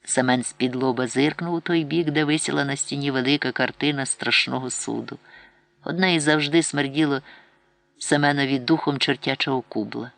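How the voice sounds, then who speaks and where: A man narrating a literary audiobook in a measured, expressive storytelling manner. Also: mid-range voice, gravelly, no room sound.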